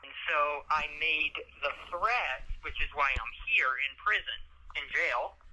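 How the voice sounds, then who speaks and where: A man's voice: a little high, lively intonation, measured pace, sharp tone. A man speaking earnestly and in rambling explanations on a tinny prison phone call. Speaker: jail inmate on a phone call. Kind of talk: phone conversation from jail. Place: jail phone.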